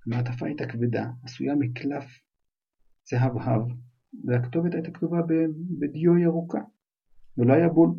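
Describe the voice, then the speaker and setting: A man's voice: on the high side, steady tone, vocal fry, long pauses, breathy edge. A man retelling a children's book chapter aloud in a loose, conversational way. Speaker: storyteller. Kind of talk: informal storybook retelling. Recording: dull lo-fi recording.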